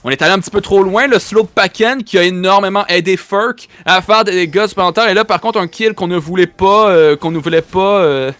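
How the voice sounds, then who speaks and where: A man with a Quebec French accent delivers live esports play-by-play in a high, slightly bright voice with no echo. He talks fairly quickly with few pauses, often repeating himself and restarting his phrases.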